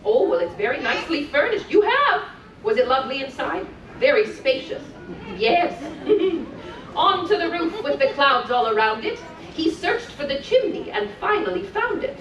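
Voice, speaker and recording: A woman playing a cheerful, gentle Mrs. Claus, reading rhymes to children in a sing-song, encouraging way with chatty asides. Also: high voice, sing-song, normal speed, highs cut off, crowd noise. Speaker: character storyteller at a children's event. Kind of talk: live storytelling to children, rhymed picture-book reading. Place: indoor room on a cruise ship. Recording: distant mic, roomy echo, faint noise.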